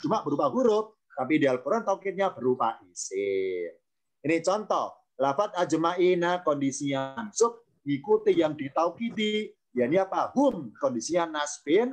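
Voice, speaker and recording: A man, his voice sitting a little high, leads an online grammar class. He explains patiently, repeats each key term and stops to quiz his students. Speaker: Arabic grammar teacher.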